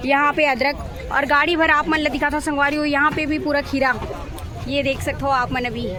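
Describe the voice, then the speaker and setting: Very high-pitched woman vlogging in a busy market. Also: little pitch movement, normal speed. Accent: Chhattisgarhi. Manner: repetitive pointing-out of things to viewers. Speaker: vlog host touring a market. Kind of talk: vlog commentary. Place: outdoor wholesale vegetable market. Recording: busy outdoor market crowd, vehicle noise.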